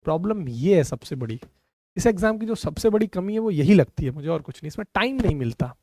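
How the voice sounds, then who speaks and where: A man's voice: high-pitched, animated, quick pace, dark tone, dry recording. A man teaching a physics class online, calling students "beta" and explaining step by step in a conversational way.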